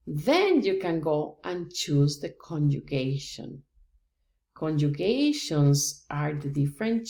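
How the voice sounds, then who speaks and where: A Spanish teacher from Costa Rica speaks in a low, gravelly, darkish voice. She gives a slow, deliberate language lesson, patiently explaining things step by step with examples.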